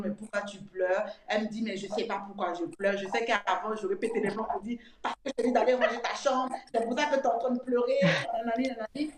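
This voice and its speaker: A woman's voice: medium pitch, a little mellow. A woman in her thirties telling her own experience in a casual testimonial chat, talking freely, repeating words and retelling scenes from home. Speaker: interviewee giving a testimonial. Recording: echoey room with clear noise.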